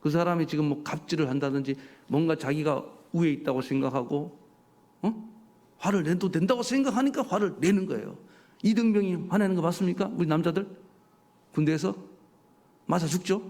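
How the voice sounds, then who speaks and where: A male pastor delivering a sermon, animated and full of rhetorical questions to his congregation. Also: a little high, normal speed, pauses often. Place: church sanctuary. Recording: church hall reverb.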